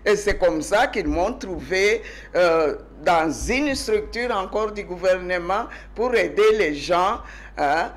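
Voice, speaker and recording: An older woman recounts her life as a guest on a TV interview. Her delivery is emphatic and animated in places and sinks to quiet, almost murmured phrases in others. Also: lowish voice, slow. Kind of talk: TV interview storytelling.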